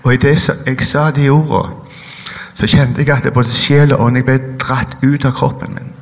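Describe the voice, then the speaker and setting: A man telling a personal faith testimony in a halting, hesitant way, pausing often with fillers. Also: medium pitch, steady tone, creaky, in a large hall. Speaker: guest giving a personal testimony. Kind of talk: emotional spoken testimony.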